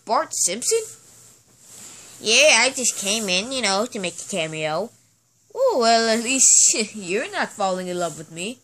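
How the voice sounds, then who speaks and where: A woman's voice: a little high, big pitch swings, unhurried, fairly bright tone, voice pushed down, exaggerated voice. A woman voicing a cheeky cartoon boy who talks in a smug, offhand way.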